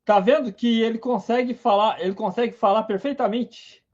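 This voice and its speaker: Guy hosting a live stream, very high voice, dull lo-fi sound, eager and chatty. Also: steady tone, moderate pace, darkish tone. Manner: enthusiastic, greets viewers by name. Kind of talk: casual live science talk.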